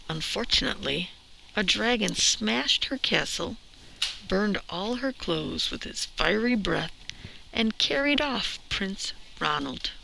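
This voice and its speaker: A woman narrates a storybook for children in an expressive, measured way. Her voice is bright and very creaky, and she takes her time, with some background noise on the recording. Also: medium pitch, poor audio. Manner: deliberate, measured phrasing with emphasis. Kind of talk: expressive read-aloud narration.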